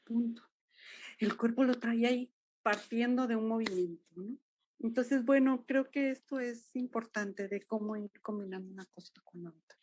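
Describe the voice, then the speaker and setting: A woman's voice: a little high, normal speed. A woman with a Mexican accent, a dance movement therapist, animatedly recounting therapy cases in an interview and acting out the dialogue. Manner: animated storyteller, acts out dialogue.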